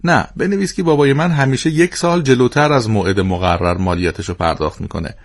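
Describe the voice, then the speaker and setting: A man's voice: medium pitch, natural voice. A man reading the part of an irritable father who dodges questions in a radio story.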